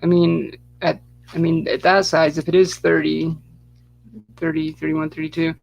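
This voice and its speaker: Man co-host, hesitant and rambling, gravelly tone, a bit high. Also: level tone, moderate pace. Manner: rambling, hesitant, full of fillers. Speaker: podcast co-host. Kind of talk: casual chat.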